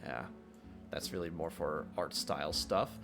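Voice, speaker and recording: A young man with a very deep, gravelly voice streams his game development work at a measured pace, chatting casually and rambling. His talk is full of hesitations, filler sounds and restarts as he tells jokes and reads chat questions aloud. Faint music plays in the background.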